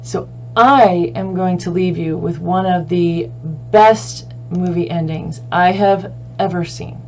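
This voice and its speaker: A woman's voice: on the low side, slow, dull audio, slight background noise. Chatty woman giving a film lecture. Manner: chatty, with laughs and asides. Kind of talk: casual recorded lecture.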